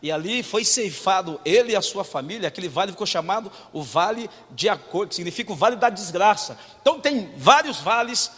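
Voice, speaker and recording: A man preaching a sermon as pastor, animated, swinging from loud to hushed and asking the congregation questions. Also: high-pitched, a little fast, hardly any pauses, breathy edge, long reverb tail. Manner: talks directly to the congregation with questions.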